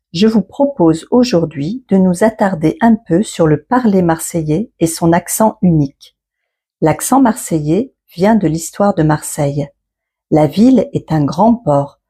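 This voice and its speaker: Low, very dark-voiced woman teaching French. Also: slightly rough. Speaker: French teacher, podcast host. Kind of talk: scripted educational narration.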